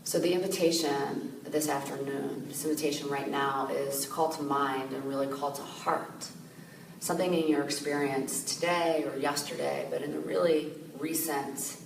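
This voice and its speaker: Low, gravelly woman guiding a meditation. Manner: gentle, slow, soothing guidance with soft fillers. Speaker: meditation teacher. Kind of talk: guided meditation. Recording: echoey room, distant mic, noisy ambience.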